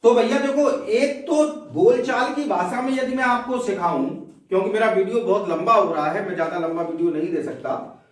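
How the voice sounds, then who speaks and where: A man's voice: sits high, normal speed. A male teacher explaining English grammar to his class, asking rhetorical questions and then answering them himself. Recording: echoey room, voice from far off.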